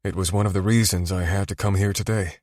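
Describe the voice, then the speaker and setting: Deep-voiced male audiobook narrator. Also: fast, dry recording, studio quality. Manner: low, steady, intimate storytelling. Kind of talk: first-person romance audiobook narration.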